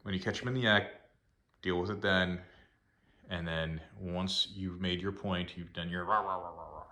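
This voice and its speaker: A man's voice: deep voice, steady tone, moderate pace, pushed and bright. A man casually explaining to the camera how to handle a dog that misbehaved, rambling with restarts. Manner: baby talk to his dogs. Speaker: dog owner vlogger.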